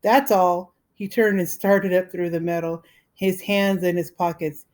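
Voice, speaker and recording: A woman reading a children's novel aloud in a slow, deliberate storytelling manner. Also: on the low side, little pitch movement, a little mellow. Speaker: reader.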